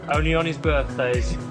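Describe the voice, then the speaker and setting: A man narrating a sailing vlog as the boat's captain, easygoing and explanatory, with relaxed fillers. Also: a little high. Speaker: boat captain.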